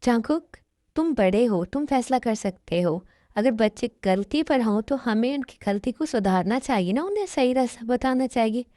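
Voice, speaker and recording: A woman's voice: a little high, lively intonation, normal speed, warm tone, no room sound, studio quality, lightly acted. A woman dubbing a middle-aged mother who scolds and presses her son, in an amateur dubbed love story. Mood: insistent.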